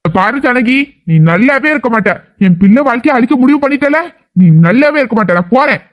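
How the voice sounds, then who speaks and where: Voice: medium pitch, lively intonation, fairly quick, muffled recording, close to an everyday voice. A voice actor playing a remorseful middle-aged father in a cartoon drama, lamenting and blaming himself. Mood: angry. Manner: lamenting, self-blaming, then angry.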